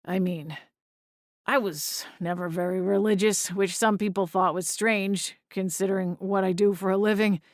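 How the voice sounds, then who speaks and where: A woman voicing a forlorn, bewildered man's ghost with halting delivery in an audiobook. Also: mid-range voice, steady tone, dry recording, clean studio sound, natural voice. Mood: bewildered, subdued. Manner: hesitant, halting. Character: bewildered, forlorn male ghost of a funeral worker. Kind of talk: audiobook character voice.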